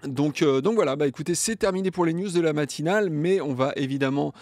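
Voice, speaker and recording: A man's voice: fairly high pitch, fast, no echo. A young man hosting a music gear news show, chatting casually and jokily reading out viewer comments. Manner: lively, jokey, playfully sings comments.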